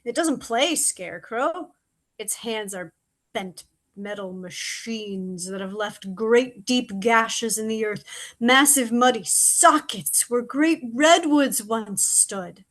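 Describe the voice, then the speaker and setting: A woman's voice: on the high side, expressive, slow, a bit bright. A woman voicing a frightened, desperate crow who pleads and grows breathless. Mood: grim. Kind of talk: audio drama reading.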